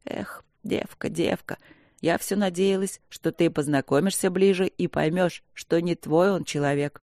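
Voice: mid-range voice, steady tone, normal speed, a little mellow, dry recording, clean studio sound, natural voice. A reader voicing a blunt, worried older mother who scolds her grown daughter tenderly, in an audiobook. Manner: plain-spoken, scolding and tender.

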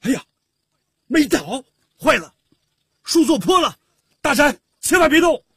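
A man's voice: extremely high pitch, sing-song, unhurried, no room sound, clean studio sound, pitched above the performer's own voice, heavily acted. A male storyteller voicing a nervous fellow lumberjack who calls out urgent warnings. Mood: alarmed.

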